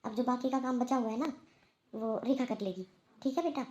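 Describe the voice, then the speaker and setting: A woman's voice: fairly high pitch, moderate pace, dull audio, background noise, natural voice. A woman voicing a middle-aged mother-in-law in a cartoon, remorseful and kindly, who reassures and repeats herself. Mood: reassuring. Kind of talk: Hindi cartoon voice acting.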